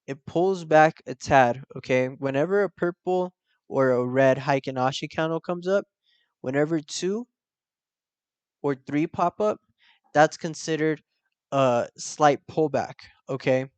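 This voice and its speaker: A man's voice: a little high, a little slow, clean tone, no room sound, highs cut off. A young man hosting a casual trading tutorial, explaining step by step with slangy asides and check-ins. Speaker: forex trading channel host.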